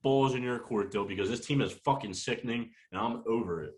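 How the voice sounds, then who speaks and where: A man's voice: medium pitch, low-quality recording. A young man co-hosting a sports podcast, ranting heatedly and cursing a lot as he runs down his team. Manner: heated, profane, rapid-fire ranting. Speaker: podcast co-host.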